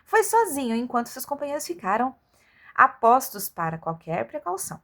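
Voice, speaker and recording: A woman with a fairly high voice reads an adventure story aloud for children. Her delivery is expressive and storylike, that of an amateur narrator who occasionally stumbles and corrects herself. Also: normal speed. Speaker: audiobook reader for children.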